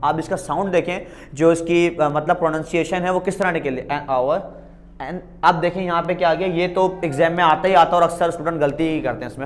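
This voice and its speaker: Male teacher, slightly high voice; grammar video lesson, fond "beta" address, answers his own questions, drills key words. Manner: calls viewers "beta", asks a question and answers it himself, repeats key words. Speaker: English teacher.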